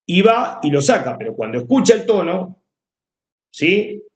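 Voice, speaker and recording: A Rioplatense-accented male teacher giving a classroom lecture. His pitch sits a little high and swings freely as he explains, and he keeps asking the class whether they follow. The sound carries an echoey room. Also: sing-song, unhurried. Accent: Rioplatense Spanish. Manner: explanatory, checks understanding often.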